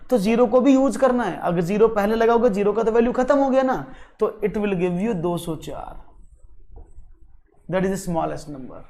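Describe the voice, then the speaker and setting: एक पुरुष गणित शिक्षक ऑनलाइन परीक्षा-तैयारी कक्षा पढ़ाते हुए, जोश से और मनाते हुए बोलता है, हिंदी में अंग्रेज़ी शब्द मिलाता है।. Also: male voice, high-pitched. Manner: lively, coaxing, mixes English terms into Hindi. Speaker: maths teacher. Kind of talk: online exam-prep class.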